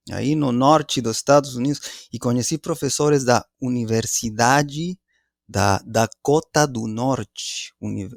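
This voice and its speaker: A man in his forties with a Mexican Spanish accent answers interview questions slowly and deliberately, searching for his words. His voice has a gravelly fry. The sound is dry and close. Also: mid-range voice, darkish tone, dry recording. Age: 40s. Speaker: guest professor.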